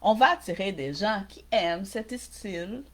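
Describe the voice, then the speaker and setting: A woman's voice: mid-range voice, expressive, moderate pace. A woman with a mixed Québécois and Brazilian accent, coaching small-business owners in a casual live-stream workshop and often checking in with viewers. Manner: direct, addresses viewers, checks in with "ok?".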